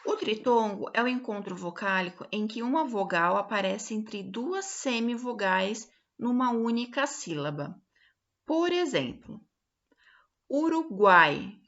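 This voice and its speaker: A woman's voice: a little high, expressive, measured pace, muffled recording. A woman teacher, giving a patient remote lesson for pupils, stretching out example words and often checking that they follow.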